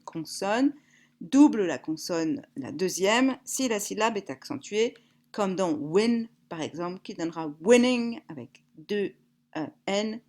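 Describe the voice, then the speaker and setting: Teacher drilling English words slowly. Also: female voice, lowish voice, darkish tone. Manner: slow, deliberate drill words, then brisk explanations. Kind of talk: recorded language lesson, drilling vocabulary.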